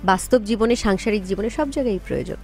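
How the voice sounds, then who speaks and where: A woman guest in a radio studio interview, picking her words with care, with pauses and fillers. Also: medium pitch, dark tone. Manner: thoughtful, careful wording with many pauses and fillers.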